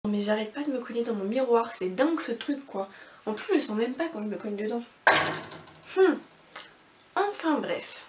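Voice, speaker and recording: A woman's voice: a little high, lively intonation, moderate pace, pauses often, a little mellow, a little hiss or hum. Chatty young woman in an echoey room. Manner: chatty, rambling, many fillers. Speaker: book vlogger. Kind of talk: casual book haul vlog. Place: bedroom with bookshelf and mirror. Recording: echoey room, from far off the mic.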